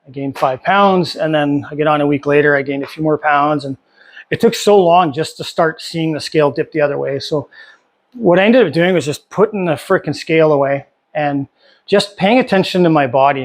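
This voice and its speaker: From his home workshop, a vlogger in his fifties talks candidly and casually to the camera, full of fillers and restarts. His pitch is fairly high and he speaks a little fast.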